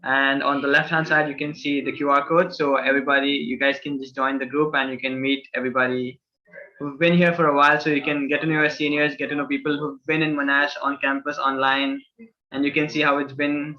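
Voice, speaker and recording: A man's voice: medium pitch, little pitch movement, brisk, muffled recording. A young man from a student association casually presenting campus events to new students, with many fillers and restarts.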